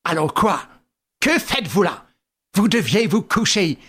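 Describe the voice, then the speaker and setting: A woman voicing a brusque, quick-tempered male detective in an audiobook, speaking in sharp, clipped, scolding phrases. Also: fairly low pitch, sing-song, husky, exaggerated voice. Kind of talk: audiobook character voice.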